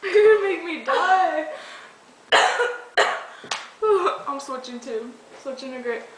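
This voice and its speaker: A woman's voice: sits high, lively intonation, slow. A woman chatting casually with a friend at home, giggling often, caught by the camera's microphone. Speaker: friend filming a burping contest. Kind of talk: casual chat. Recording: roomy, distant home-video audio with noise.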